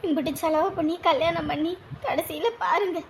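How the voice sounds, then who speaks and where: An actress playing a fretful middle-aged aunt who scolds and laments. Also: female voice, very high-pitched, steady tone, moderate pace, slight background noise. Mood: lamenting. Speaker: aunt of the bride. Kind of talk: TV drama acting.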